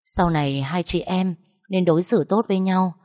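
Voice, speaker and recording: A woman's voice: fairly low pitch, normal speed, a little mellow, no room sound, studio quality, natural voice. A woman doing a coaxing, eager mother. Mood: lecturing. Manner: coaxing, pleading. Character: coaxing middle-aged mother, eager to please.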